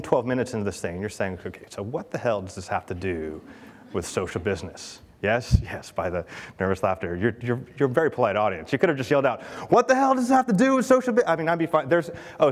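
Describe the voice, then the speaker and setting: A man speaking at a conference, chatty and full of fillers, often checking in with the audience. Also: medium pitch. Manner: chatty, asks the audience questions, many fillers. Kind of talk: conference keynote talk. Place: large conference hall. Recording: long hall reverb.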